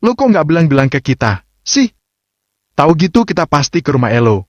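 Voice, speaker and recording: A man's voice: on the high side, fairly quick, no room sound, pitched above the performer's own voice. Casting: a man putting on chattering young girlfriends, raised voice, lo-fi dry. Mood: excited. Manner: excited, gossipy, slangy. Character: gossipy young women friends, excited. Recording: dull lo-fi dry recording.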